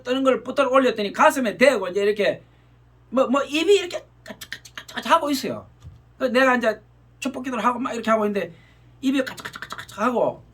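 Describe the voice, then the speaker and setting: A male pastor preaches in a strikingly high voice. His pitch rises and falls widely as he tells an emotional story, acting out each gesture as he speaks. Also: fairly bright tone. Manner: emotional storytelling, acts out gestures with repeated "이렇게". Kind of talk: sermon.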